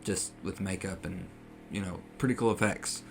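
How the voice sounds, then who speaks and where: A man's voice: deep voice, fairly even intonation, moderate pace, vocal fry, over music. A man co-hosting a casual podcast, chatting enthusiastically and acting out quotes. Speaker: podcast co-host. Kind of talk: casual chat.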